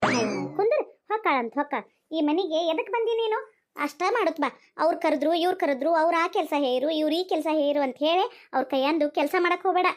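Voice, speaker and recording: A rustic cartoon mother with a North Karnataka Kannada accent, worried about marrying off her daughter, voiced by a woman. She nags and lectures in a very high, thin voice. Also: animated, quick pace. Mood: lecturing. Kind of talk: cartoon voice acting.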